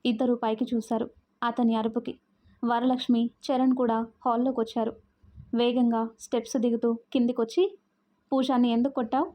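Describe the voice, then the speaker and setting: A woman storyteller giving a steady, expressive scripted narration of a love story. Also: fairly high pitch, normal speed. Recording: muffled lo-fi audio.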